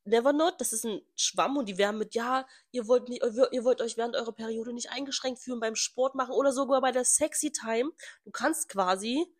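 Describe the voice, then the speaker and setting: Chatty young woman with a higher voice. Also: a little fast. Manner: chatty, laughs often, searches for words. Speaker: podcast co-host. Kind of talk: casual chat.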